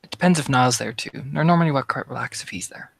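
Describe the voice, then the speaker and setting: A man's voice: mid-range voice, fast talker, creaky, fairly bright tone, slightly rough, dry recording. Casual man narrating a tabletop scene. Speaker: game master.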